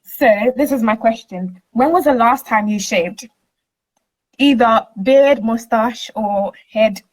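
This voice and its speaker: High-voiced upbeat woman hosting. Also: slow pace, a little mellow, rough recording. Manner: upbeat, laughs often, coaxes the audience. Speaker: host. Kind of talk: casual online interview.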